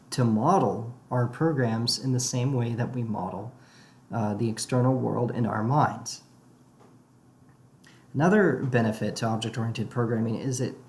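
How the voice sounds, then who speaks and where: A man giving a casual programming lesson, halting with frequent "uh" fillers, on a low-quality recording made away from his usual equipment. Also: vocal fry, darkish tone. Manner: halting, with many "uh" fillers while explaining. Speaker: programming tutor. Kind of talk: casual spoken lecture over diagrams. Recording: echoey room, faint background noise.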